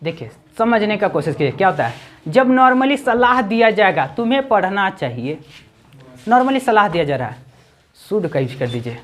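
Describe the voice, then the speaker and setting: A woman teaching English grammar in Hindi. She keeps asking rhetorical questions, repeats the key words and reads the English sentences slowly. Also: mid-range voice, sing-song. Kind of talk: explanatory classroom lesson.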